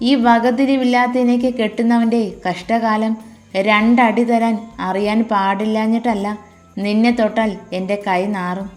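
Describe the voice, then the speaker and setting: A woman's voice: on the high side, level tone, unhurried, a little mellow, faint music behind, close to an everyday voice. A woman storyteller voicing a harsh, scornful young village man who speaks curtly. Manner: curt, contemptuous.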